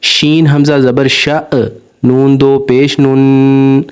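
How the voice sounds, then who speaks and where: A man teaches Quran recitation, spelling out every letter and syllable before slowly and patiently drawing out the joined word. His voice is medium in pitch, smooth, and delivered flatly.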